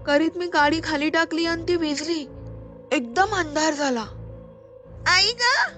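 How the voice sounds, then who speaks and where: Woman storyteller with a high voice, measured and suspenseful over soft music. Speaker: storyteller and podcast host. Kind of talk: scripted story narration.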